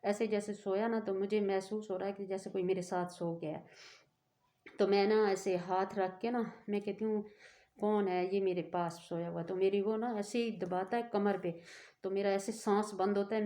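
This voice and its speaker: Casual vlog chat, woman, flat monotone telling, self-interrupting. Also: mid-range voice, moderate pace. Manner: rambling, earnest, self-interrupting. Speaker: vlogger telling a personal story. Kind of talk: casual storytelling to camera.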